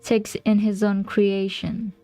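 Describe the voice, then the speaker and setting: A woman's voice: medium pitch, level tone, takes it slowly, warm tone, faint music behind. A young woman from Indonesia, reading a novel aloud on a livestream, sometimes stumbling over words and correcting herself. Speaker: streamer.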